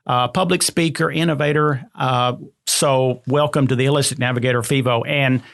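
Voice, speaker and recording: Male podcast host, rambling and casual, mid-pitched. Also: fairly even intonation, moderate pace, vocal fry, a bit bright. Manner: rambling, many fillers and restarts.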